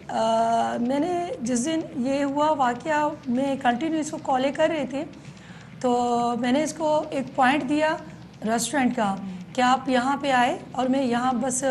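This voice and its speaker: A woman police station chief giving a news interview, explaining in detail with frequent hesitant pauses. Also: high-pitched, darkish tone, a little hiss or hum.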